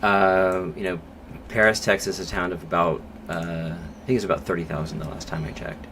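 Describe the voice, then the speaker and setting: Very deep-voiced male psychologist guest. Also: steady tone. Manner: thoughtful, measured, with pauses and fillers. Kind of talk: podcast interview conversation. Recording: clear background noise.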